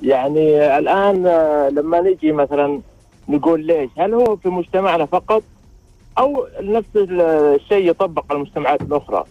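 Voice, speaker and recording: A man's voice: fairly high pitch, expressive, fairly quick, vocal fry, dry recording. A man from Arabia, calling a radio show over the phone and speaking hesitantly with many fillers. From Saudi Arabia. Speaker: radio caller. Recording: lo-fi dry phone line.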